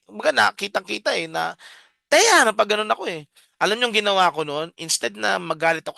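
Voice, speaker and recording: Middle-aged Filipino lay preacher, bright and lively storyteller who keeps asking the audience questions. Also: male voice, high voice, creaky, no room sound, studio quality. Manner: storytelling, many rhetorical check-ins. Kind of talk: casual preaching talk mixing Tagalog and English.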